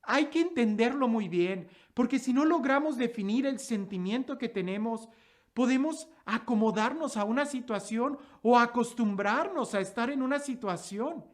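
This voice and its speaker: A woman preaching a daily Gospel reflection, asking repeated rhetorical questions and letting her voice sink low and soft at the end of phrases. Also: normal speed.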